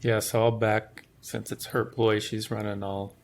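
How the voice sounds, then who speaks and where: A man's voice: fairly low pitch, flat delivery, a little slow, background noise. A man chatting casually as a player in a tabletop roleplaying game.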